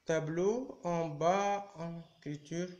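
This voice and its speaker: A man teaching a live online French lesson at a chalkboard. He speaks slowly and patiently and keeps coaxing his pupils to answer. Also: a little high, a little mellow, dull audio. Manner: slow, patient, coaxing, repeats "allez" to prompt pupils. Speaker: primary school French teacher. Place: indoor room at a chalkboard. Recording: roomy echoey room sound.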